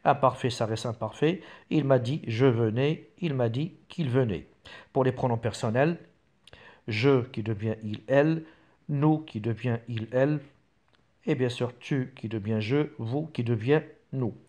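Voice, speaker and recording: A man's voice: medium pitch, unhurried, darkish tone. A man teaching a lesson, reading out examples and dictating them in short, segmented phrases. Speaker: French grammar teacher.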